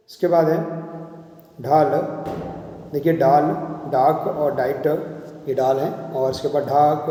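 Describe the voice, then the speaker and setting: A man's voice: fairly high pitch, warm tone. A male teacher patiently explaining a workbook lesson, often pointing things out as he goes. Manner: patient, repeats "dekhiye" often. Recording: very echoey room with long reverb.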